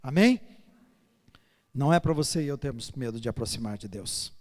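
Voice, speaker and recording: An older man preaching a sermon in a church, shifting from soft, intimate passages to loud, emphatic ones. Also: mid-range voice, animated, moderate pace. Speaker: pastor. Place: church sanctuary. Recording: long reverb of a church hall.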